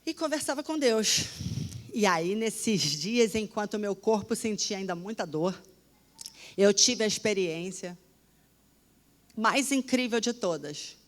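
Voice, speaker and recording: A woman telling a personal testimony in an animated, dramatic way, often dropping to a hushed voice. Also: medium pitch, slow, pauses often. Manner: animated, dramatic storytelling with sudden drops to a hush. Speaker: storyteller.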